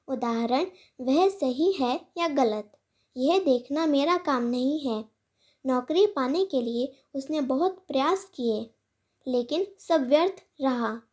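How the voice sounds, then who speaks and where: A woman with a notably high voice teaches grammar to children on her own channel. She speaks very slowly, laying out each rule and example with measured clarity, like a careful scripted lesson. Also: a little mellow. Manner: measured, clearly paced recitation of rules and examples.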